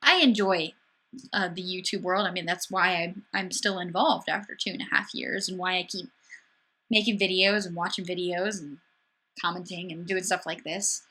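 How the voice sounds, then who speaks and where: Bright-voiced young woman from Wisconsin chatting. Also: on the low side, fairly even intonation, breathy edge. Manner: chatty, upbeat, sarcastic, quick restarts. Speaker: livestream host. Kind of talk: casual livestream chat reading viewer comments. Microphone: webcam mic.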